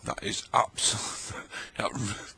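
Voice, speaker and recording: A man's voice: extremely slow, pushed and bright, slight background noise. A middle-aged man, chatting and joking in a rambling way while tasting old tinned food at his table late at night. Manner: chatty, rambling, jokey, talks while eating. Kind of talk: casual late-night vlog talk.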